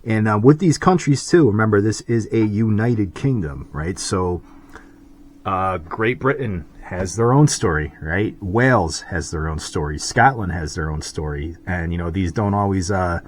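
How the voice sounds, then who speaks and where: A man's voice: low-pitched, animated, measured pace, breathy edge. An American man hosting a casual drawing vlog, talking in a rambling, chatty way full of asides. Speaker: host.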